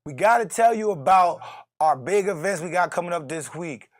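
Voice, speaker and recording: A man co-hosting a podcast, joking loosely and swearing freely, sometimes breaking into shouts. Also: high-pitched, expressive, normal speed. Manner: loud, joking, profane, swings to shouting. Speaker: podcast co-host. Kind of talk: casual podcast banter.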